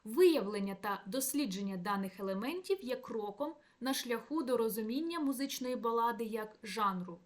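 A young adult woman giving a read academic talk, measured, reading quoted verse lines aloud with marked stresses. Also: fairly high pitch, animated. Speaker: academic presenter.

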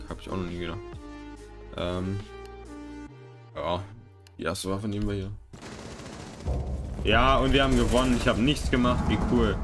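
Excitable young man gaming, music behind. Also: fairly low pitch. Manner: excitable, swearing, self-mocking. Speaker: gaming YouTuber. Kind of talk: casual gameplay commentary. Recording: game music and gunfire behind. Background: game music and gunfire.

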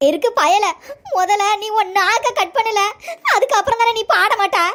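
A bossy old mother-in-law with a Tirunelveli accent scolds in rural slang. Her cartoon voice sits extremely high and squeaky, and it stays sharp-tongued throughout. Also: moderate pace. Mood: scolding. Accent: Tirunelveli Tamil. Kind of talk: cartoon serial voice acting.

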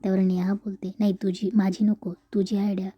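A woman casually retelling a TV serial episode, switching quickly between narration and the characters' lines. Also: medium pitch, flat delivery, husky, no room sound, dull audio.

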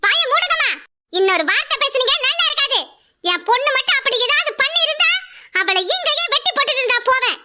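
A woman's voice: very high voice, lively intonation, quick pace, bright, forceful tone, a little hiss or hum, full character voice. A woman voicing a pleading, tearful middle-aged mother of a bride, speaking with a Kanyakumari Tamil accent. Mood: distressed. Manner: emotional, pleading, often on the edge of tears. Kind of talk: cartoon voice acting.

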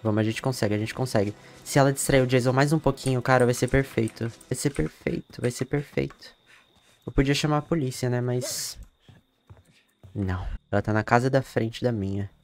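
Brazilian man gaming, cursing and shouting. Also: medium pitch, fairly even intonation, fairly quick. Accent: Brazilian Portuguese. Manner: swears a lot, bursts into loud panicked shouting. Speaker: gamer streamer. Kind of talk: live gameplay commentary.

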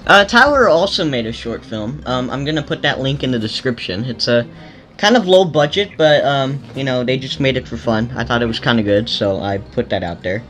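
A man hosting a gaming channel, giving casual commentary while playing, excitable and yelping in fights. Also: mid-range voice, brisk. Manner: excitable, yelps during fights.

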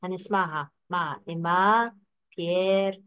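Female online French teacher, brisk and explanatory. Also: on the low side, smooth, muffled recording. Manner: explaining, dictating slowly at times. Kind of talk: online language lesson.

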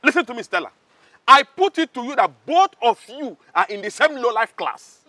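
An actor with a Nigerian accent playing a pompous, hot-tempered palace guard who is loud and scornful. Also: male voice, very high-pitched, sing-song, moderate pace, no room sound, full character voice. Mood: angry scornful.

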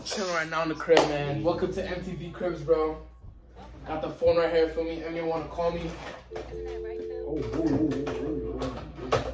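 A man's voice: fairly high pitch, level tone, fairly quick. A young man chatting casually to his vlog in slang, saying bro constantly, on a noisy handheld recording. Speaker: vlogger at a basketball camp.

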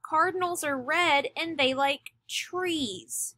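A woman teacher giving a recorded lesson, speaking deliberately and stressing key words. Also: high voice, bright, forceful tone, no echo. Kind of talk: recorded classroom lecture.

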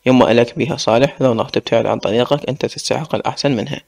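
A man's voice: mid-range voice, racing, creaky, a little mellow, no room sound. A man voicing a distressed, scolding mother, in a spoken story. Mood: pleading. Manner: scolding and lamenting.

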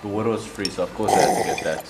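Young man, South African accent, lowish voice, casual teasing banter, noisy camera audio. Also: racing.

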